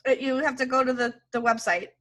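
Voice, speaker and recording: A woman co-hosting a meetup on a video call, quick and encouraging. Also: high voice, steady tone, a bit bright. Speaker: meetup co-host. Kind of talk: casual video call chat. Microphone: computer mic on video call.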